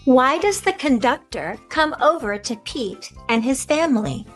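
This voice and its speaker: Over soft background music, a high-pitched woman reads a children's storybook aloud in an expressive, slow manner meant for young children. As reader and host, she follows a script and poses quiz questions to her young listeners.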